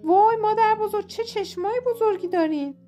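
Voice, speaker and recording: Innocent little girl in red, high bouncy voice, a woman putting her on for a storybook. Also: expressive, faint music behind. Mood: amazed. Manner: high, bright and eager. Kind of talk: storybook read-aloud.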